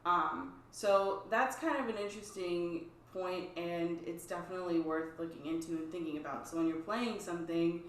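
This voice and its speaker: A woman co-hosts a casual chat, explaining string technique in an easygoing manner as a string teacher. Her voice sits on the low side at a normal pace with few pauses, and there's a slight hiss or hum. The mic is distant in an echoey room.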